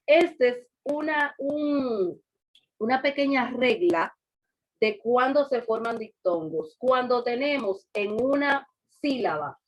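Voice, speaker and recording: A woman teaching a class over a video call, patiently repeating examples and quizzing her students. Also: a little high. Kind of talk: online class lecture.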